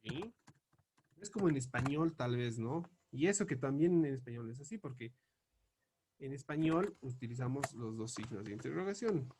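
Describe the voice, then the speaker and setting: A man teaching English grammar, spelling out example questions slowly and word by word as he writes them up. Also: mid-range voice, lively intonation, background noise. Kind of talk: explaining grammar on a board.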